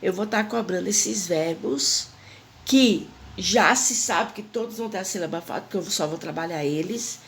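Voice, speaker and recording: A woman, teaching an English grammar lesson slowly and repeating the rules while stressing the example words. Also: mid-range voice, gravelly, slight background noise.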